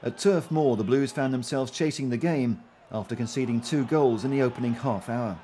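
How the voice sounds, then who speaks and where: Male sports review narrator over loud noise. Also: medium pitch, normal speed. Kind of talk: scripted sports highlights narration.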